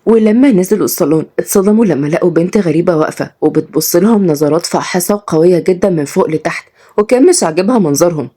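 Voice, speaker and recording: Fast-reading Egyptian woman storyteller. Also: on the low side, expressive, mellow, breathy edge. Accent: Egyptian Arabic. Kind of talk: story narration.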